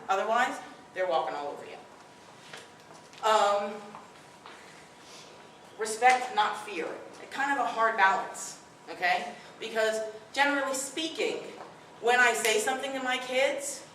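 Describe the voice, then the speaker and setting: A strong-voiced, middle-aged woman addresses a live audience at a parenting workshop in a firm, direct, conversational manner. She sounds highish and sharp, expressive, at a moderate pace with frequent pauses, recorded from far off in an echoey room with slight background noise.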